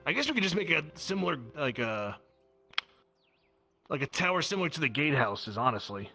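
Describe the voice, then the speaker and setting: A man with a bright, forward voice chats in character during a game. His pitch moves around a lot, and he often stumbles and restarts his words, with faint music behind him. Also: big pitch swings, fairly quick. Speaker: role-play game player. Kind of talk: in-character improvised chat in a game.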